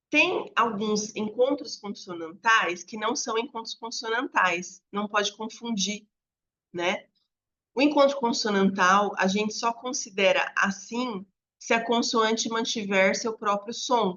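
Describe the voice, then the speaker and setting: A woman's voice: medium pitch, unhurried, fairly bright tone, muffled recording. A woman teacher giving an online lesson, patiently stretching out example words as she explains. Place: home apartment with dogs barking nearby.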